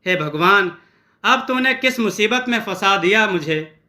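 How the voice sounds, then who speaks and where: A man's voice: sits high, lively intonation, unhurried, pushed and bright, heavily acted. A man voicing a timid, lazy young cook who frets over every task. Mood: fretful.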